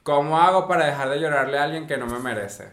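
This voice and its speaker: A man's voice: on the high side, fast talker. Rambling young man, echoey room. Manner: relaxed, rambling, lots of filler phrases. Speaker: podcast co-host. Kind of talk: casual advice chat.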